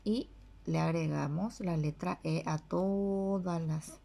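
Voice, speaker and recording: A woman teacher works through a lesson, naming letters and sounding out their syllables with careful repetition. Her voice is dark and gravelly, and she speaks at a very unhurried pace with a slightly low pitch. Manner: spells out letters and syllables one by one, repeating each. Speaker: language teacher. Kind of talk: slow read-aloud language lesson.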